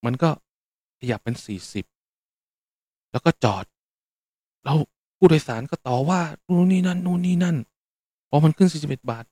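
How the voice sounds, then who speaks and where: A man's voice: on the high side, expressive, normal speed, pauses often, warm tone, no room sound, pitched above the performer's own voice. A man voicing an older male taxi driver in his sixties who rambles on in a hurt, self-pitying way about his trade. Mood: aggrieved.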